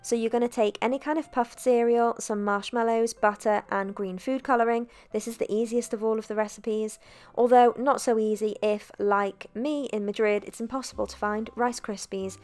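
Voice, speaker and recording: A woman's voice: fairly high pitch, moderate pace. Young woman doing a chatty recipe voiceover, laid back, pokes fun at herself. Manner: chatty, self-deprecating, relaxed. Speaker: cooking vlogger. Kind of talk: voice-over recipe narration.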